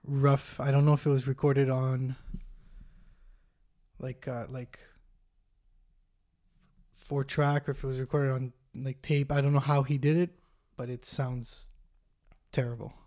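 A man co-hosting a casual music podcast, talking in a relaxed, informal way. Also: mid-range voice, measured pace, pauses often. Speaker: podcast co-host. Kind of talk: casual chat about albums.

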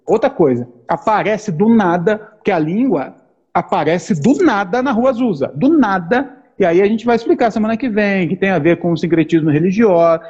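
A man with a fairly high, husky voice co-hosts a casual discussion about theology. He talks emphatically and keeps hammering his points through repetition. The recording sounds a little dull and lo-fi. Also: moderate pace. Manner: animated, emphatic, repeats points. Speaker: podcast co-host.

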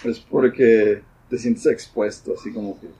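A young man with a Mexican accent, talking in a relaxed, slangy casual chat. His voice is mellow and dark, with a husky edge. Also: lowish voice, a little slow, rough recording. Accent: Mexican Spanish. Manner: laid-back, slangy.

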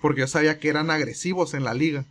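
A young Mexican man, with a Mexican Spanish accent, tells a long, rambling story in a relaxed chat, imitating the voices of the people in it. His voice is a little high and fast, with slight background noise behind him.

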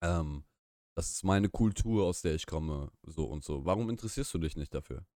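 A young Russian-speaking podcast co-host keeps up a casual, rambling, opinionated chat on a live stream from a small room, frequently restarting and correcting himself. His low-pitched, dark voice moves at a moderate pace, with clean studio sound and no echo.

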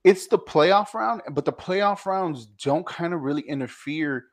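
A man's voice: fairly high pitch, unhurried. A man co-hosting a casual sports podcast, rambling and hedging as he talks. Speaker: podcast co-host.

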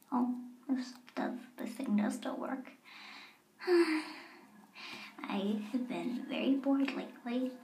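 A woman voicing a weary captive young woman whose plant powers have been numbed, talking in a hushed, sighing, drifting way. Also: on the high side, slight background noise. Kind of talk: whispered audio-log roleplay. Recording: roomy echo.

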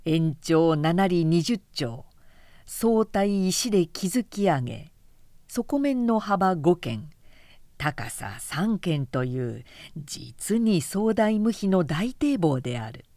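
A woman narrating a period novel as an audiobook in a calm, measured way. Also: fairly low pitch, no room sound, studio quality.

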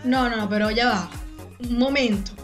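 Venezuelan woman co-host, lively and teasing, high voice, soft music bed. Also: normal speed. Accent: Venezuelan Spanish. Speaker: podcast co-host. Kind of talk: casual chat. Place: living in Chile.

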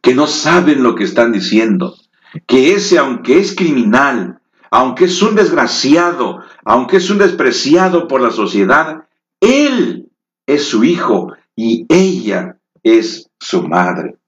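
A man preaching a sermon in slow, emotive storytelling that rises into dramatic peaks. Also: mid-range voice, very animated. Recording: echoey, dull lo-fi room.

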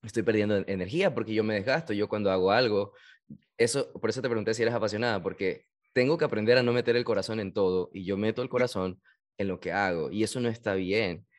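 A man's voice: lowish voice, fast talker. A young man hosting an interview, talking at length in a reflective, self-critical way. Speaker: interview host. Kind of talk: casual interview chat.

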